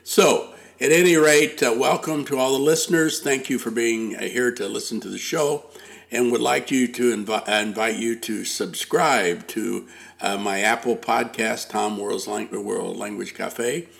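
A man's voice: medium pitch, fairly even intonation, measured pace, gravelly. An older man hosting a casual podcast interview, rambling with many fillers and restarts. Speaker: podcast host.

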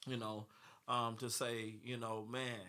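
His voice is mid-range, flat in delivery, unhurried and sharp in tone: a gospel and R&B artist, thirties or forties, chatting on an interview panel. He rambles, starts over a lot, repeats words and laughs easily.

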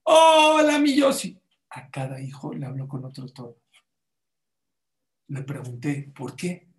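A man's voice: medium pitch, little pitch movement, measured pace, dark tone, reverberant. A man giving a sermon-style talk as a religious teacher, putting rhetorical questions to his audience and quoting Hebrew sources.

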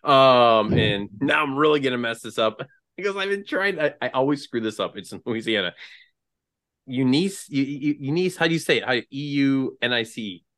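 A man's voice: mid-range voice, animated, fairly quick, fairly bright tone. A man sharing trade news as a podcast guest, chatty and rambling, with lots of fillers and restarts. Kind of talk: casual podcast chat.

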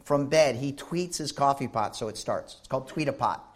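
A man giving a lively conference talk, animated and jokey, who keeps checking in with the audience. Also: medium pitch, normal speed. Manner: jokey, banters with the crowd. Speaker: conference speaker.

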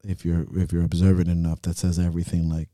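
A man's voice: deep voice, monotone, fast talker, mellow, dry recording, studio quality. A man hosting a podcast as a coach, talking in a frank, reflective way and swearing freely. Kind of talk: casual podcast chat.

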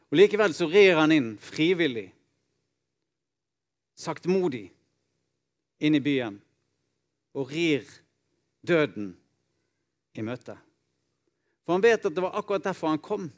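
Man preaching a sermon. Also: medium pitch. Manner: storytelling, with rhetorical asides and chuckles.

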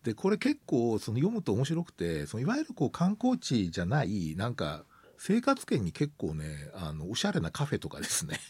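A man's voice: on the low side, wildly swooping pitch, moderate pace, hardly any pauses, breathy edge, no echo. A middle-aged man hosting a casual conversation, laughing often and talking with many fillers. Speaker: host. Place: Tokyo.

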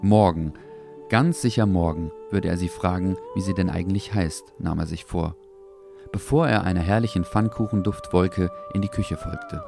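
Deep calm storyteller man. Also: moderate pace, gravelly, music in the background. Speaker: narrator. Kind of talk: children's story narration.

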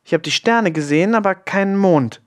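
Anxious young woman, read by a man, high-pitched, exclaiming, fast. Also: lightly acted. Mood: uneasy.

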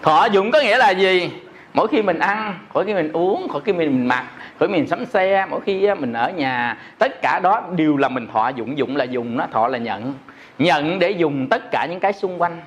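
A man's voice: fairly high pitch, expressive, moderate pace. A man preaching a Buddhist sermon, joking, chuckling often and asking his listeners whether they understand. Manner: jokey, laughs often, peppers talk with rhetorical questions.

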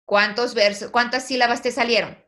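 A woman's voice: on the high side, steady tone, moderate pace, fairly bright tone. A woman teaching a poetry lesson, asking her students questions and guiding them patiently. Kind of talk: online poetry class.

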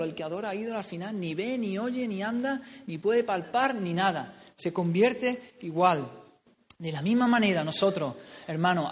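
A man from preaching a sermon, stressing his points, repeating phrases and asking the congregation questions. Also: high-pitched. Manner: emphatic, repeats phrases, asks rhetorical questions. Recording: reverberant hall sound.

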